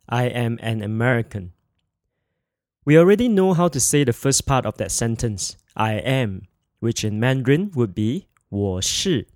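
A man's voice: mid-range voice, darkish tone, no room sound, studio quality. Man teaching a podcast language lesson. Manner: slow, clear, repeats words for learners. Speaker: Mandarin teacher.

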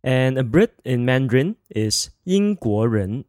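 A man teaching a podcast language lesson, speaking clearly and slowing down to repeat words for learners. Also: mid-range voice, big pitch swings, darkish tone, no echo, studio quality. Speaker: Mandarin teacher.

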